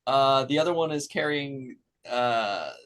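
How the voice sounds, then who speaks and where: A man's voice: mid-range voice, lively intonation, measured pace, a bit bright. Easygoing man playing at a game table. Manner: easygoing, laughs often, repeats words. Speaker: player. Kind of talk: tabletop role-play chat.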